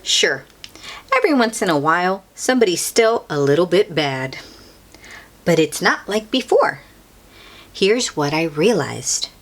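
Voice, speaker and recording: Taking on a storyteller's role, a woman reads a children's picture book aloud with theatrical expression and long, drawn-out emphasis. Her voice sits on the low side and swings widely in pitch.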